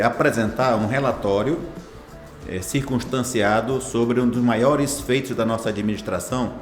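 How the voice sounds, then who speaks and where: Speaking in a fairly low voice in an echoey room, a 60-something hospital foundation director responds to an interviewer. His answers are formal and ceremonious, built from long lists of phrases.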